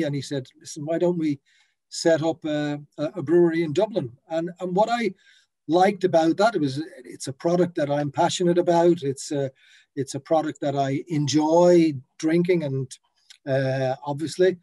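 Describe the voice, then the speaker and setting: Over a laptop webcam on a video call, a Dutch-raised man in his fifties who founded a brewery speaks with a fairly high pitch and a dark tone. He sits in his office before a brand banner, halting often with fillers and restarts.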